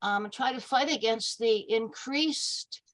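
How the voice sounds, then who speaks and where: A woman activist speaking on a call in a measured way with fillers. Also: on the high side, fairly bright tone, low-quality recording. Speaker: activist guest.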